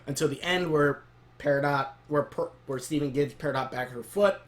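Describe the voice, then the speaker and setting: A man casually reviewing a cartoon episode to camera in a rambling, excitable way. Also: a little high, a little fast. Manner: rambling, excitable recap with frequent laughs.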